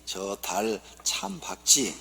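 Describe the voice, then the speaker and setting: A pastor voicing a sweet, flirtatious wife from Seoul, cooing slowly. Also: male voice, low voice, flat delivery, pushed and bright, breathy edge, pitched below the performer's own voice, exaggerated voice. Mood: coy. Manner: slow, cooing and coy. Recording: long church reverb.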